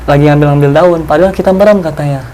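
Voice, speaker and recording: Male guest, animated storyteller, slightly high voice. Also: quick pace, slight background noise, low-quality recording. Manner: animated, acts out friends' voices in dialogue. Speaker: guest telling a ghost experience. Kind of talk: casual storytelling chat.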